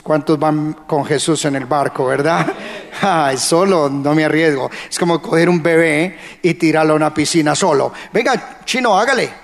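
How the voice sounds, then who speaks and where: A man's voice: a little high, long reverb tail. A male pastor, preaching a sermon emphatically and asking the congregation questions. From Colombia. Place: church.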